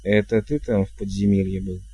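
A man reading an audiobook, voicing an old village witch who gives curt, evasive answers, with a dark, mellow tone in a dry recording. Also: deep voice, flat delivery, a little fast, breathy edge, no echo.

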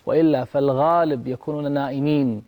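A man delivering an Arabic religious sermon, dramatic, slowing for quoted prayers and verse. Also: mid-range voice, fairly even intonation, dark tone. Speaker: preacher.

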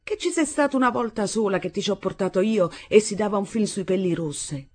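A woman's voice: mid-range voice, expressive, brisk, voice pushed up, lightly acted. Woman doing a lazy, scornful father. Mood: mocking. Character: lazy mocking young father, sprawled in bed.

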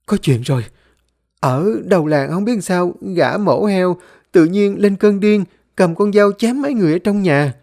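A man's voice: high-pitched, animated, moderate pace, a little mellow, voice pushed up. Man putting on a panicked breathless little girl.

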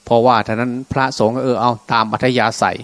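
Male Buddhist monk, medium pitch, informal Dhamma storyteller who slips into dialogue in his own voice. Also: little pitch movement, quick pace, a bit bright. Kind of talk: storytelling sermon, unscripted.

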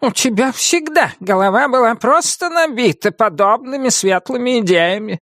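A woman's voice: high voice, lively intonation, a bit bright, no echo, clean studio sound, pitched above the performer's own voice. A shrieking furious old witch. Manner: shrieking, scolding, drawn-out angry words. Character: furious old female witch, shrill and scolding. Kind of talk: audiobook character voice.

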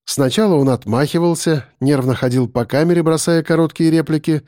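Give me a man reading an audiobook, steady and measured, with a dry close sound. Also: fairly high pitch, dry recording. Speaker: narrator. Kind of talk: audiobook narration.

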